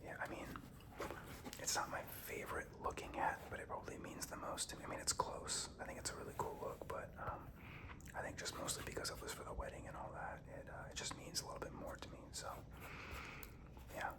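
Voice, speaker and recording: Chewing gum, this young ASMR host tells laid-back stories in a hesitant, airy whisper that carries some creakiness.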